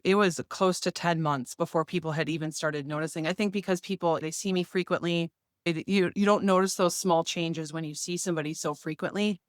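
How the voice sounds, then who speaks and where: With a steady tone and brisk delivery, a fitness vlogger in her 40s chats casually but earnestly to camera about her fitness year. Her voice sits on the low side, recorded at studio quality without echo.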